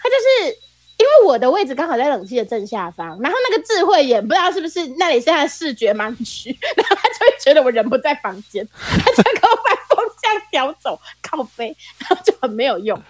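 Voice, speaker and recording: Female podcast host, Taiwanese Mandarin accent, quick casual chatter, very swingy intonation, playful teasing. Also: high voice, sing-song, no room sound. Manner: playful, teasing, often laughing. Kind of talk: casual chat, animated anecdotes.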